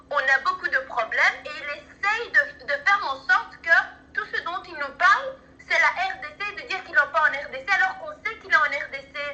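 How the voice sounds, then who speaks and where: A woman's voice: high-pitched, bright, forceful tone. A woman from Rwanda calling in with impassioned political commentary, indignant and stammering through repeated words. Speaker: caller. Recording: muffled phone line.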